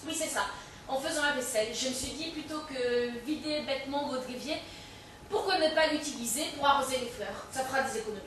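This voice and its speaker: An actress playing a scheming, quick-witted novice nun with a lively, playful manner. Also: female voice, sits high, recorded from a distance. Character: scheming, fast-talking young novice nun. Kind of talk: stage comedy acting. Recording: echoey stage heard from afar, faint noise.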